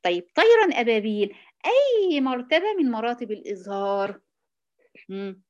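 A woman's voice: fairly high pitch, sing-song, normal speed, muffled recording. A woman with an Egyptian accent teaching Quran recitation rules, patiently quizzing and praising her students. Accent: Egyptian Arabic. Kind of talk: online tajweed lesson.

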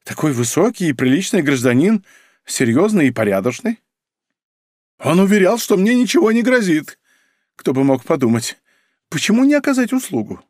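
Man voicing a cowardly bookshop clerk, husky, whiny, high-pitched, lively, audiobook. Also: moderate pace, no echo, clean studio sound. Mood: whining. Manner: whining, muttering, protesting. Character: nervous cowardly male bookshop clerk, whining. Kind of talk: audiobook character voice.

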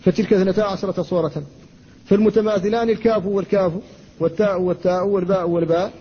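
A man, an Islamic scholar, giving a classroom lecture on Quran recitation. He explains rules at a measured teaching pace, recites verses slowly and stops to answer students. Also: sits high, steady tone, dark tone, breathy edge. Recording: dull lo-fi lecture recording with faint noise.

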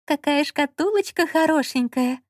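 Woman voicing a whiny, touchy young woman, plaintive and high, audiobook, dry sound. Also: moderate pace, no echo, close to an everyday voice. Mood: coaxing. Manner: plaintive, pouting, high-pitched. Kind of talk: audiobook character reading.

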